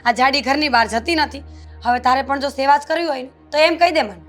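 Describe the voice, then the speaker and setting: A woman's voice: high-pitched, quick pace, fairly bright tone, faint music behind. A woman acting a resentful elder sister-in-law in a family drama.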